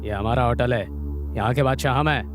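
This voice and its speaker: A man's voice: mid-range voice, brisk, over music, close to an everyday voice. A man dubbing a cocky, mocking gang boss in a Hindi-dubbed film. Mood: boastful. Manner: swaggering, scornful, laughs off threats.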